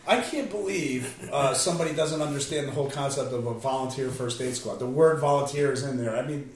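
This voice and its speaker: A man of middle pitch tells a story in loose, rambling conversation and fills the gaps with "uh" and "you know." He is a firefighter, and he sits back from the mic. A big echo hangs around his voice. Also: a little fast, slight background noise. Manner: rambling, many fillers and restarts. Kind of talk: casual storytelling. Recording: very roomy, distant from the mic.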